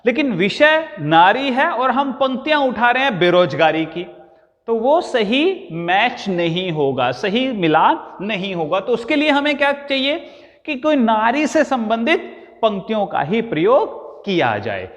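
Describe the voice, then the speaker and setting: Slow, high-pitched male teacher. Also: big-room sound. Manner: slow, dictates points word by word. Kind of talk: classroom grammar lesson.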